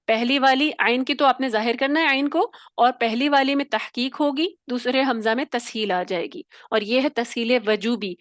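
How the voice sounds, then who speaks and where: A woman's voice: a little high, few pauses, dry recording, clean studio sound. A woman teaching a Quran recitation lesson. She explains step by step, demonstrates the sounds and checks that students follow. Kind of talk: tajweed lesson.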